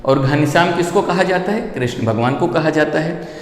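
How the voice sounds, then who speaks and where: Male lesson presenter, slightly high voice, drills points with repeated questions, reverberant room. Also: animated, normal speed. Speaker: teacher. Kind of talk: Hindi grammar lesson. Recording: echoey room with long reverb.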